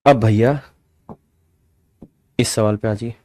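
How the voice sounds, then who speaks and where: A man's voice: on the low side, steady tone, slow pace, mellow, no echo. A man teaching a math lesson to a class in a folksy, coaxing way, often checking that students follow and calling them his dear children. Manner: asks frequent check questions.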